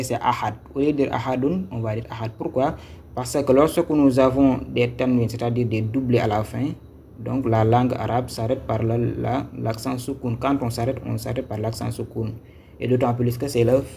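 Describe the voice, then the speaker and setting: A man's voice: medium pitch, vocal fry, mellow, a little hiss or hum. A man teaching a live-streamed lesson on Quran reading, patient, repeating each step and checking if viewers follow. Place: Senegal.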